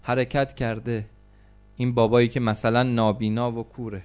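A man preaching a religious story as a sermon, acting out the cries of the people in it and swinging from loud outbursts to hushed, slow passages. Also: mid-range voice, level tone, faint music behind. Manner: dramatic, acts out quoted cries and voices, swings from loud to hushed.

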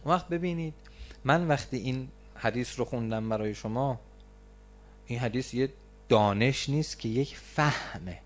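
A man preaching a religious sermon, swinging between loud stressed phrases and low, slowly drawn-out words. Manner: stretches key words slowly for emphasis.

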